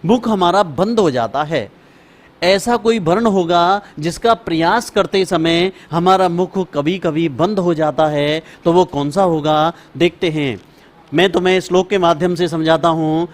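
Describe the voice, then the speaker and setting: A man teaching Sanskrit grammar in a classroom-style lesson. He repeats each term several times and keeps calling his students "brother". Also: fairly high pitch. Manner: repeats terms slowly, addresses students as brother. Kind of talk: classroom lecture.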